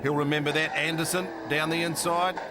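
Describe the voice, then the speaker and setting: A man calling a car race live as an excited motorsport commentator, in punchy, clipped phrases. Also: a little high, fairly quick, very noisy.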